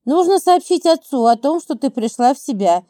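A woman's voice: sits high, lively intonation, moderate pace, dark tone, dry recording, studio quality. A woman reading as a stern, anxious mother. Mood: urgent pleading.

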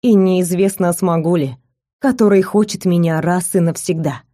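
A woman reading a first-person romance story aloud with measured, intimate storytelling. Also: on the low side, warm tone. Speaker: narrator.

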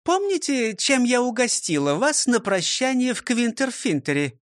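A woman puts on a prim, bossy old teacher who is proud of her cleverness, in a high and lively voice. The recording is dry and close. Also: moderate pace, dry recording.

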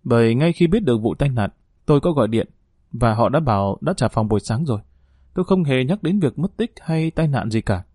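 Guy doing a shaken, earnest dad in an audiobook, mellow dark voice. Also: medium pitch, expressive, brisk, no echo, studio quality, natural voice. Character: shaken middle-aged father, apologetic.

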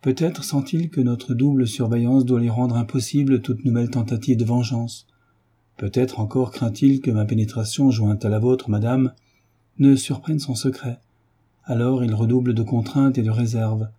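A man with a dark, husky voice playing a measured, courteous gentleman. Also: mid-range voice, fairly even intonation, lightly acted. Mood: grave. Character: earnest, tactful gentleman tutor.

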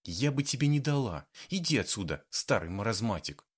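A man voicing a grumpy, sharp-tongued woman who snaps and scolds. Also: lowish voice, big pitch swings, normal speed, breathy edge. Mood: snappish. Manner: snappy, scolding.

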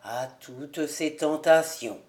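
A woman's voice: deep voice, slow pace, darkish tone, voice pushed down. A woman reading a storybook aloud and voicing a stern, solemn male minister with a grave, moralizing manner.

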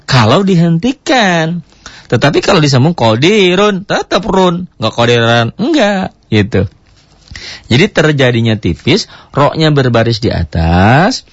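Indonesian man teaching tajwid on radio. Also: no echo. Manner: explains rules step by step, models Arabic words slowly; lively pitch jumps when stressing a point. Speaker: Quran recitation teacher. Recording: dull dry radio broadcast recording.

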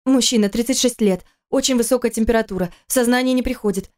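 A woman reading a story aloud, voicing a worried, sarcastic wife and mother who scolds quickly and sharply in a raised voice. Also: a little high, a little mellow, pitched above the performer's own voice, close to an everyday voice. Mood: alarmed.

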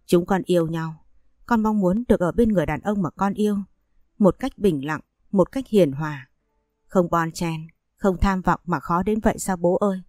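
Woman narrator as a heartbroken young teacher, pleading and tearful, low dark voice. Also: normal speed, dry recording, clean studio sound, natural voice.

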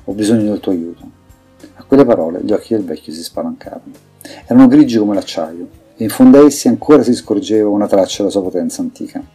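Man narrating a fantasy audiobook, dark husky voice, even measured read, faint music. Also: on the low side.

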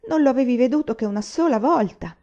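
Reserved earnest guy in an audiobook, woman reading him, mellow low-key tone, bit dull recording. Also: lively intonation, fast, lightly acted. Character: grown man, thoughtful, reserved returning envoy.

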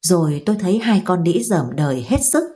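A woman narrating a novel as an audiobook in a steady, measured storytelling manner. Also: on the low side. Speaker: audiobook reader.

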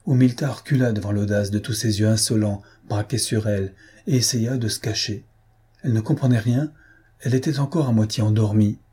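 A man narrating a classic novel in a measured, steady storytelling manner. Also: lowish voice, breathy edge. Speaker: audiobook narrator. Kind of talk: scripted narration.

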